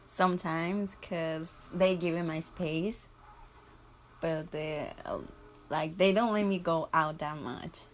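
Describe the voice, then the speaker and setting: An eighteen-year-old woman being interviewed, talking casually and haltingly with lots of fillers. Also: low voice, faint music behind.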